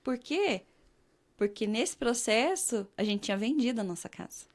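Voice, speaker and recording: A woman with a high voice shares a personal faith testimony in an earnest, emotional way. She is from Brazil and slows right down whenever she reads scripture aloud. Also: expressive. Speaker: guest sharing her testimony.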